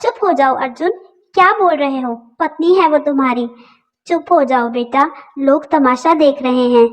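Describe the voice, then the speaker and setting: A woman voicing a tired older mother-in-law who begs the family to keep quiet. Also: sits high, moderate pace, natural voice, poor audio. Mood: pleading. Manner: pleading, hushing.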